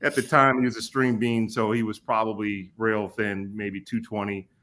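A man's voice: fairly low pitch, little pitch movement, fairly bright tone. Man in his forties telling a story. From Kentucky. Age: 40s. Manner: unhurried storyteller with frequent ums and restarts. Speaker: guest. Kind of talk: casual podcast interview.

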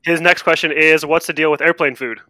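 A man with a bright, forward voice, pitched a little high, recorded close and dry. He hosts a casual talk podcast, reading listener questions and joking in a mock-grandiose way. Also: fairly even intonation, a little fast, no room sound. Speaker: podcast host.

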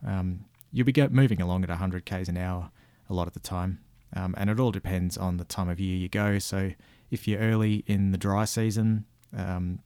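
A man's voice: low voice, darkish tone, clear, resonant tone, dry recording, clean studio sound. A man with a broad Australian accent chatting casually and colloquially, giving laid-back travel advice. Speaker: guest recounting an outback road trip.

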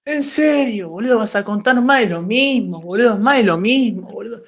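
Argentine male streamer, high pitch, sneering repetitive heckler who won't let others speak. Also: expressive, normal speed, a bit bright. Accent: Rioplatense Spanish. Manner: mocking, repetitive, talks over others. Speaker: streamer in a voice-chat space. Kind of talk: heated taunting banter.

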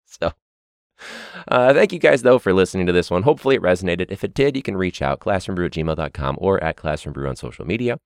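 A man's voice: sits low, lively intonation, fast, clean tone, no echo, clean studio sound. A man hosting a teachers' podcast, ranting sarcastically and swearing, his voice sore. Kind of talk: casual monologue.

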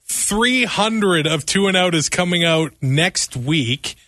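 A man co-hosting a sports podcast, excitable and laughing often, nearly losing his voice. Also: high voice, slow, no room sound, clean studio sound. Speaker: podcast co-host. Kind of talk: casual sports chat.

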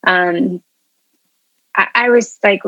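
Slow and lowish, yet a bit bright, this woman's voice comes through a dry, dull recording. She's a food media founder appearing as an interview guest, earnestly and chattily recounting her story, her speech full of fillers like um and you know.

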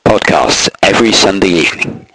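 Low-voiced rambling podcast host man. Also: moderate pace, crowd noise, low-quality recording. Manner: rambling, filler-heavy. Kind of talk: casual podcast chat.

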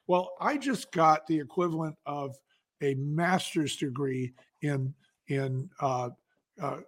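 A man's voice: on the high side, animated, slow. A man, a company founder and guest, telling business stories in an interview with an emphatic, folksy delivery that repeats phrases for effect. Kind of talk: animated storytelling in an interview.

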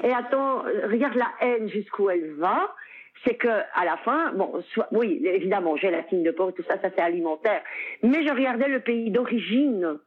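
A woman's voice: mid-range voice, expressive, moderate pace. A middle-aged Belgian woman chatting as an interview guest, talking freely with lots of fillers and laughs. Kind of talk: casual conversational interview. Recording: tinny phone-like line.

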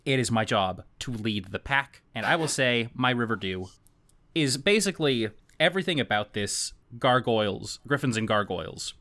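A man's voice: medium pitch, animated, normal speed, sharp tone. Podcast host guy gushing about a plotline, voice jumps around a lot. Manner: enthusiastic, wordy, laughing asides. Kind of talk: casual podcast chat.

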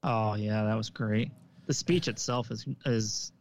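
A man's voice: fairly low pitch, unhurried, darkish tone. A man who coaches, co-hosting a casual podcast chat in an easygoing, hedging way full of "like" and "um".

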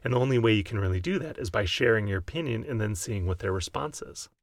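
A man's voice: fairly low pitch, animated, fast talker, gravelly, no room sound, studio quality. A man with an American accent giving conversational, explanatory advice as a podcast co-host. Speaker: podcast co-host, mental health provider.

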